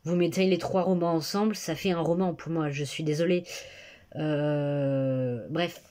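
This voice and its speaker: A young woman talking casually about books she has read, with many fillers, pauses and self-corrections. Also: low-pitched, fairly even intonation, mellow. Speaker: book vlogger. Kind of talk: casual book review to camera.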